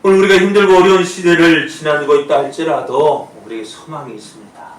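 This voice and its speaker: A male pastor preaching a sermon, who swings between loud pleading and soft asides. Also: on the high side, steady tone, a little fast. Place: church sanctuary. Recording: echoey church room from a distance, faint noise.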